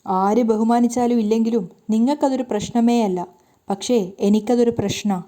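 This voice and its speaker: A woman voicing a hurt young wife who loudly reproaches and pleads with her hot-tempered husband. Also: on the high side, steady tone, normal speed, lightly acted. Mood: indignant.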